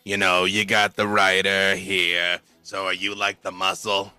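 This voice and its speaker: A man's voice: low-pitched, completely flat delivery, unhurried, sharp tone, clear, resonant tone, no room sound, pitched below the performer's own voice, exaggerated voice. A man voicing a sarcastic, taunting male vampire thug in a tabletop role-play.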